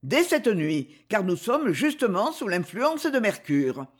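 A man reading the part of a calm, solemn male sorcerer in an audiobook, speaking slowly and gravely. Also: sits high, exaggerated voice.

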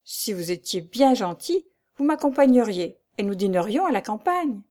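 Lively young seamstress, higher and chattier, as voiced by a woman reading. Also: normal speed. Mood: chatty.

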